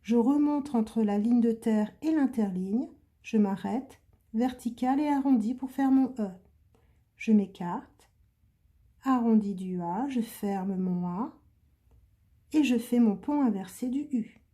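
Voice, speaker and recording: A woman speaking slowly and deliberately, her voice dark and mellow yet a touch high. She guides young learners through handwriting one stroke at a time, calm and patient, every word clearly articulated. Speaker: teacher. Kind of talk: handwriting lesson, step-by-step instruction.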